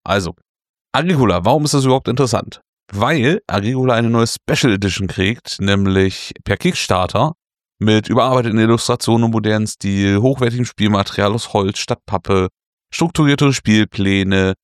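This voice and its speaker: A man's voice: lowish voice, normal speed, dry recording, clean studio sound. A man co-hosting a casual board game news podcast, self-mocking and jokey, laughing at his own slips. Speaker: podcast co-host.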